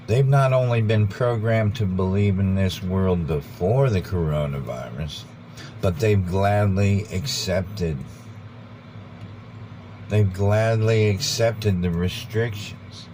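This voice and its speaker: An American man giving an informal, rambling monologue, earnest and deliberate, repeating phrases for emphasis. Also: dark tone, poor audio. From United States. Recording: background noise with vehicle rumble.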